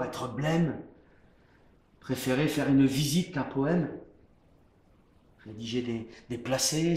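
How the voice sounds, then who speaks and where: A man declaims a classical French verse monologue for the stage, playing a proud, defiant poet-swordsman. His hammy stage-actor delivery swings between hushed and booming, and the recording has a roomy echo with faint background noise.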